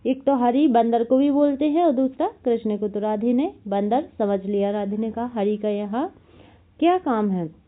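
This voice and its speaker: A woman teaching a Hindi grammar lesson for exam preparation, slowly repeating definitions and examples and correcting herself. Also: fairly high pitch. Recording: tinny phone-like audio.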